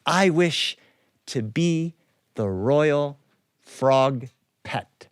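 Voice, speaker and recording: A man's voice: fairly high pitch, lively intonation, drawn-out words, smooth, dry recording, studio quality. A man voicing a hideous magic talking frog who bargains insistently with a princess in a spoken fairy tale.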